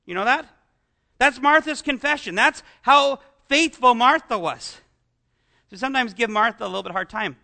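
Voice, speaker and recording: A man's voice: very high voice, moderate pace, gravelly, bright, forceful tone. A man preaching a conversational sermon, full of asides and rhetorical questions to the congregation.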